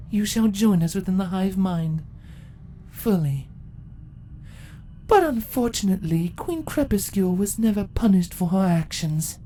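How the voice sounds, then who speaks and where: A woman voicing an ancient changeling empress in a fantasy story, a calm, condescending and menacing villain who speaks deliberately. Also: fairly low pitch, a little hiss or hum, voice pushed up. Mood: commanding, menacing.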